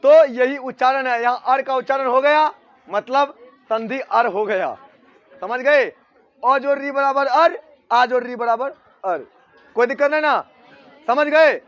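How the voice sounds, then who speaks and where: A man's voice: very high voice, unhurried, fairly bright tone, dry recording, highs cut off, a faint crowd. A man teaching a grammar lesson at a board, repeating key words and often checking whether his students understand.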